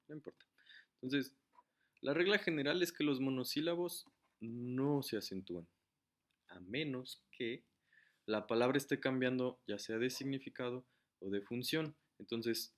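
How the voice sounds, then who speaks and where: Casual male teacher, mid-pitched voice, explains step by step. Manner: casual, explains step by step, writes while talking.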